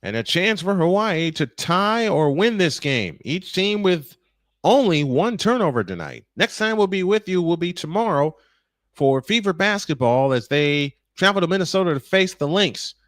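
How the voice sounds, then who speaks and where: Excitable man calling football play-by-play. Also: high voice, no echo. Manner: rising excitement on big plays, quick self-corrections. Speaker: play-by-play announcer. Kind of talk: play-by-play commentary.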